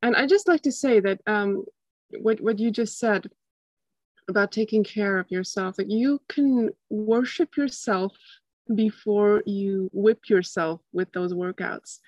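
A woman's voice: mid-range voice, measured pace, darkish tone, dry recording, poor audio. Estonian-accented woman, close dry sound. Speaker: guest, wellness coach. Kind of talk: casual interview chat.

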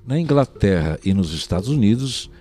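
With faint music behind him, a man with a Brazilian Portuguese accent teaches a recorded language lesson at normal speed. His mellow, lowish voice swings widely in pitch, and he explains patiently while repeatedly asking "né?".

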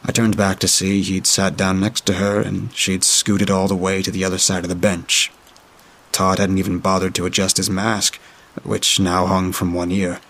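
A man reading a horror story aloud in a dry, steady storytelling manner. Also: deep voice, moderate pace. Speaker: narrator.

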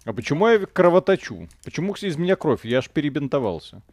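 A man streaming a game in casual chat, halting and muttering to himself as he works things out. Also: on the high side, big pitch swings, a little mellow.

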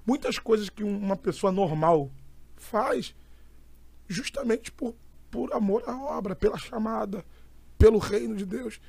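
A young man with a Brazilian accent tells his story in a casual chat, animated and emphatic. His voice sits high and has a husky edge. He speaks like a preacher recounting a moving moment. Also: measured pace, dry recording. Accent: Brazilian Portuguese. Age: young adult. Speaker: itinerant preacher and pastor.

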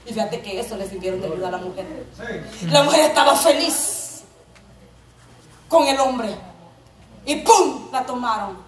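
A woman's voice: fairly high pitch, animated, unhurried, pauses often, distant mic. Fervent woman preaching in an echoey church. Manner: fervent, swings from quiet storytelling to shouted preaching. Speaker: preacher giving testimony. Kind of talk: spirited sermon testimony. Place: church hall. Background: music and congregation.

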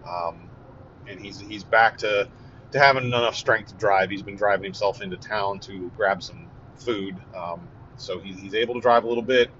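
Man, fairly low voice, halting with lots of ums, earnest, dull lo-fi sound with faint vehicle noise. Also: a bit bright. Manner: halting, many fillers and restarts; earnest and relieved. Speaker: vlogger giving a family update. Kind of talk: casual spoken update.

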